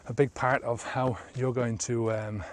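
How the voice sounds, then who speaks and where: A man's voice: mid-range voice, little pitch movement, a little slow, a little hiss or hum. A man of about fifty, a sobriety coach, talking casually in a vlog while walking an outdoor trail, rambling with many fillers, filmed on a handheld camera at arm's length.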